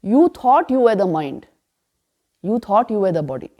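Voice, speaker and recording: A woman leads a scripture class at a retreat, and her voice sounds warm and mellow. She asks rhetorical questions and answers them herself with firm emphasis. Now and then she slows down to chant the verses. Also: mid-range voice, big pitch swings. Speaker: spiritual teacher.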